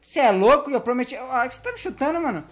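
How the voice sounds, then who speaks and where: A man giving casual gameplay commentary, slangy and playful, talking to the game's characters and getting excitable in the action. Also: very high-pitched, very fast, a little hiss or hum. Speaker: gameplay youtuber.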